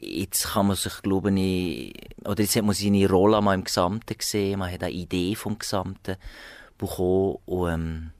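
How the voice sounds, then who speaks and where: A man's voice: sits low, moderate pace, darkish tone, no room sound. A man with a Swiss German accent, an arranger and saxophonist, answering interview questions in a thoughtful, hesitant way. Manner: thoughtful, hesitant, many fillers and restarts. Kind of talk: radio interview.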